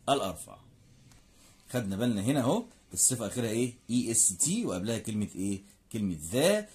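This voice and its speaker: Lively Egyptian male teacher drilling grammar. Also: on the low side. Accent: Egyptian Arabic. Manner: drills words in English then Arabic, asks and answers his own questions. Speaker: English teacher. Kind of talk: classroom lesson explaining grammar.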